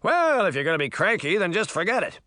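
A man's voice: high voice, sing-song, fast talker, pushed and bright, no echo, clean studio sound, pitched above the performer's own voice, exaggerated voice. A man voicing a vain, theatrical magic mirror that brags and sulks in a showy way. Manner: pompous, showy bragging.

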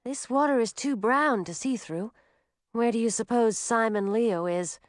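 A woman's voice: fairly high pitch, unhurried, no room sound, pitched above the performer's own voice, lightly acted. A woman voicing a level-headed young girl wizard who sounds a little exasperated, for an audiobook. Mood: worried.

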